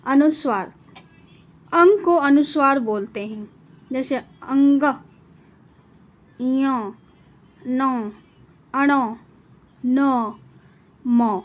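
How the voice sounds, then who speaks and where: Slow, high-voiced woman teaching grammar. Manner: slow, deliberate, spells out each letter. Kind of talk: classroom-style Hindi grammar lesson.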